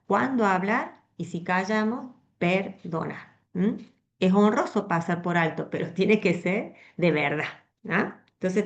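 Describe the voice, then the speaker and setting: Rioplatense lady preaching to a women's group, chatty and expressive, muffled lo-fi sound. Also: medium pitch. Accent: Rioplatense Spanish. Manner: conversational, frequent tag questions, expressive. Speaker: women's meeting speaker. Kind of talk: Bible teaching to a women's group.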